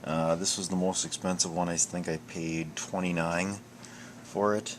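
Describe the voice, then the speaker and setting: An American man whose voice sits low, with little pitch movement, speaks unhurriedly while casually showing his gadgets, thinking aloud in a hesitant, unscripted way. He is an amateur video maker at home and in a workshop, recorded in noisy home video with handling clicks.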